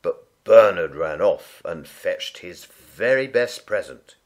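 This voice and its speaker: A man reading a children's picture book aloud in a gentle, unhurried, expressive way. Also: deep voice. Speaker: storyteller. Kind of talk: read-aloud children's story.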